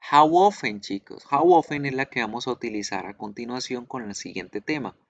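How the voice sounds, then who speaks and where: A man's voice: medium pitch, expressive, brisk, dry recording. A man teaching an online English class, explaining patiently and repeating pronunciation drills aloud.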